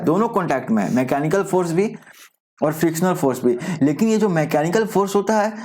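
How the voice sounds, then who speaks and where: A man teaching a school science class online, often asking rhetorical questions and mixing in English terms, reading definitions out slowly. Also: fairly high pitch, darkish tone. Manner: explains with frequent rhetorical questions. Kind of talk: recorded online class lecture.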